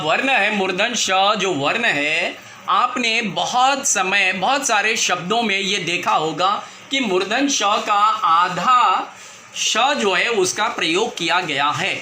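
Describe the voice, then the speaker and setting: A man's voice: sits high, bright, forceful tone. A man teaching a grammar lesson to viewers, explaining patiently and repeating himself often. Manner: patient, repetitive explaining, addresses viewers as children. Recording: echoey room, faint background noise.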